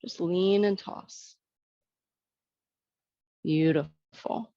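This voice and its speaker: Serene, slow-paced woman guiding tai chi. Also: fairly low pitch, steady tone, warm tone, muffled recording. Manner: serene, soothing, unhurried tai chi cueing. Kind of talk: gentle guided movement cues.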